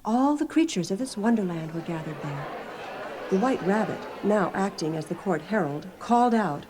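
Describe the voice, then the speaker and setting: A woman's voice: medium pitch, lively intonation, normal speed, a crowd in the background. A woman reading scripted storybook narration on an album. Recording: noisy album recording.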